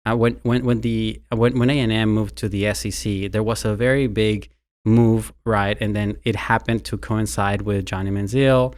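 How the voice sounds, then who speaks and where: This Mexican man has a fairly low, somewhat dark voice, a steady tone and a normal pace. A university marketing executive, he appears as a guest in a conversational interview, speaking with a Mexican Spanish accent and frequently repeating words at the start of sentences.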